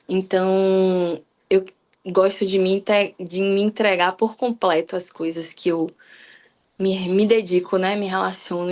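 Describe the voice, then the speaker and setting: A young woman shares a personal devotional message over a livestream, recorded on a webcam or phone. Her voice sits in a middle pitch, and her manner is candid and heartfelt. She often trails off and restarts her sentences as she talks. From Salvador, Bahia, Brazil. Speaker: guest preacher on a church livestream. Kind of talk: informal devotional talk.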